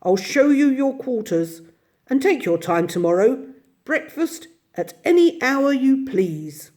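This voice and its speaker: A woman voicing a gruff but kindly old male badger who speaks heartily, in a storybook reading. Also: sits high, big pitch swings, takes it slowly, mellow, voice pushed up, full character voice. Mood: hearty. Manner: hearty, grave.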